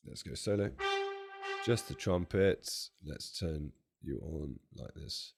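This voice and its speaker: A man demonstrating music software from a home studio, his voice strained and close to giving out, chatty and self-deprecating with jokey asides. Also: rumbling low, animated, slow pace, vocal fry, noisy background. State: strained, nearly losing his voice. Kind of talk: casual product walkthrough.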